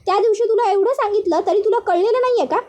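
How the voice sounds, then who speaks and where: A woman's voice: extremely high pitch, fast talker, dark tone. Woman reading a confrontational young fiancé. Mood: angry. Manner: threatening, confrontational.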